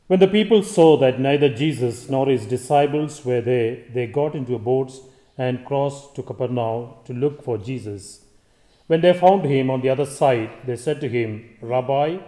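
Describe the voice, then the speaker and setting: A priest leading Mass, reading the gospel and preaching a homily in a slow, solemn way, his voice ringing with a long cathedral echo. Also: mid-range voice, warm tone. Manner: measured, solemn delivery with pauses. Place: large church.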